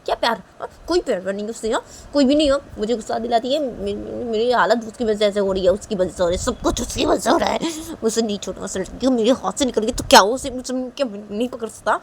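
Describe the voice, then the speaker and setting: A woman's voice: mid-range voice, steady tone, brisk, mellow, a little hiss or hum, natural voice. A woman voicing an angry young man who sulks and snaps at his mother. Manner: sullen, snapping, repetitive.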